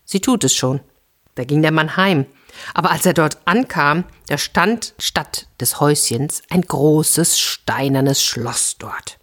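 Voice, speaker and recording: A woman reading a fairy tale aloud for children, lively and expressive. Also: low-pitched, slow pace. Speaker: storyteller.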